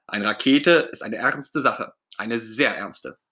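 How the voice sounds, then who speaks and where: A man's voice: fairly low pitch, slow pace, sharp tone. A man voicing Bert, a fussy, self-important puppet friend, in a storybook reading with a pompous, brusque manner.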